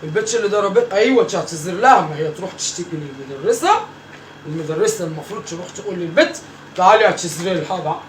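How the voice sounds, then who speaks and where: A nagging, teasing old grandmother with an Egyptian accent, played by a performer, scolding the kids in a comic sketch. She talks fast and keeps repeating herself. The voice sounds roomy and distant, with faint noise underneath. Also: mid-range voice, close to an everyday voice. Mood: bossy teasing. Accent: Egyptian Arabic.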